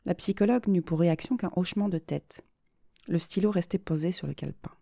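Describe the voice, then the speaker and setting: A woman narrating her own short story in an even, measured reading voice. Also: lowish voice, creaky, dry recording, clean studio sound.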